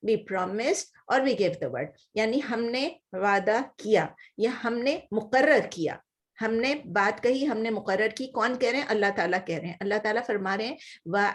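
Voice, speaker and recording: Urdu-accented woman, Quran teacher, patient explainer, slows down over Arabic words, drops in English terms. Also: mid-range voice. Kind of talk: word-by-word Quran lesson.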